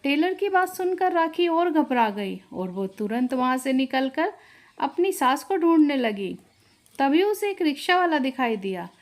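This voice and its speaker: A woman narrating a scripted family storybook tale in a steady, even manner. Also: sits high, unhurried.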